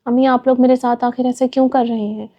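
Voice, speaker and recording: Defiant young woman read by a woman, insistent, dull lo-fi sound, higher pitch. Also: level tone, natural voice. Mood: firm. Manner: firm, insistent.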